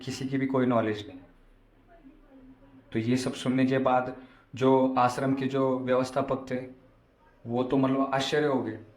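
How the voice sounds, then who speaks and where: Even-toned man preaching, in an echoey room. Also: medium pitch. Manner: explanatory, repeats phrases for emphasis. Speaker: spiritual storyteller and preacher. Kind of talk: devotional discourse with parables.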